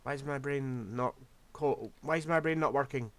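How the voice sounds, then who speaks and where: A game streamer with a medium-pitched, somewhat bright voice rambles through casual gameplay commentary at a normal speed while losing his voice. He comes across as scatterbrained and self-deprecating.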